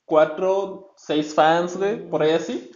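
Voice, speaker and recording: A man's voice: high-pitched, fairly even intonation, measured pace, darkish tone. A Mexican man co-hosting a podcast, teasing his friends in slangy, jokey banter. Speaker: podcast co-host. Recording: roomy, dull recording.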